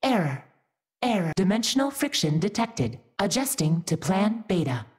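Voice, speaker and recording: A woman voicing a female computer system in a video game, giving flat machine announcements that throw errors and cut off mid-word. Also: medium pitch, normal speed, natural voice. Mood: monotone. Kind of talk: video game story scene voice acting.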